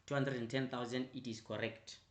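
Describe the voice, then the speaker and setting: A man teaching an online accounting revision class, repeating his prompts and growing louder and more emphatic as he explains. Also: mid-range voice, fairly even intonation. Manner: repetitive, prompting with "right?" and "quickly". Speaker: accounting tutor.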